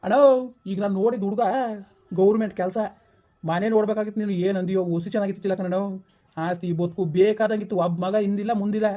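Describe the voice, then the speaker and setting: A woman playing a stern village woman who scolds and hushes her relatives in a family skit. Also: medium pitch, fairly even intonation, lightly acted. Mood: stern scolding. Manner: scolding, hushing others, rapid-fire.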